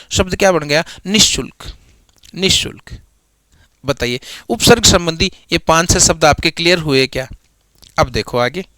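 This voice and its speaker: Male grammar tutor with a lilt. Bright, sharp tone. Drills students with repeated questions and slow repetition. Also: sits high, no room sound. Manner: repeats key words slowly, quizzes students with questions. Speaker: Hindi grammar teacher. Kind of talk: classroom lecture.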